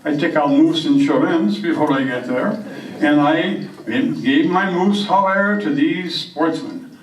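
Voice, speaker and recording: A man playing a boastful backwoods moose caller with a French-Canadian accent and halting, simple broken English, telling comic tall tales. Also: a little high, lively intonation, a little hiss or hum. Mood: boastful, storytelling. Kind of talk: comic character monologue on stage. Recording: echoey room, distant microphone.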